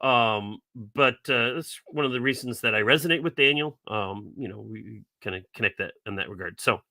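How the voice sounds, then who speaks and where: A man hosting a podcast in casual chat, halting and full of ums. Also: medium pitch, creaky, pushed and bright. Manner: halting, filler-heavy speech. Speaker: podcast host.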